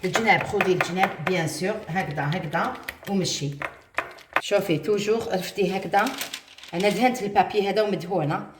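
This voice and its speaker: Talking fast in a mid-range voice, a female cooking vlogger with an Algerian Arabic accent walks viewers through a casual home recipe, slipping French into her speech. The room echoes and there's background noise.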